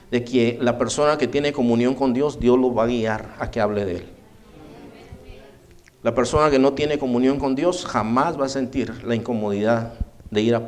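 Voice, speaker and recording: A man with a Guatemalan accent preaching a sermon, telling stories with acted quotes and often calling out to the brethren. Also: medium pitch. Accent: Guatemalan Spanish. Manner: lively storytelling with acted quotes, addresses "hermanos".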